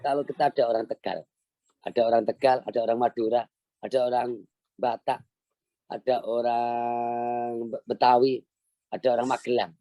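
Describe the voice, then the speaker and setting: A man's voice: mid-range voice, level tone, normal speed, long pauses, no echo, muffled recording. A middle-aged man gives an earnest, motivational online lecture. He is the founder of a language village and repeats key phrases for emphasis. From Central Java, Indonesia.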